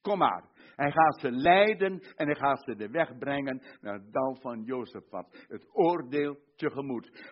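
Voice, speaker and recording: A man preaching a sermon emphatically, with repetitive build-ups, on a muffled lo-fi recording. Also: on the high side.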